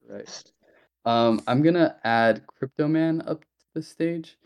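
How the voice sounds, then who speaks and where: A man's voice: on the high side, takes it slowly, creaky, a little mellow. A man hosting a casual online Q&A, chatty and loose, with many fillers and restarts. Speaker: project host. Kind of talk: casual audio-room Q&A.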